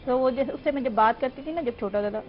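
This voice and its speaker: A woman's voice: sits high, highs cut off. A woman who is a mother and a guest on a talk show, telling a personal story in a modest, chatty way. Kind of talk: casual talk-show chat.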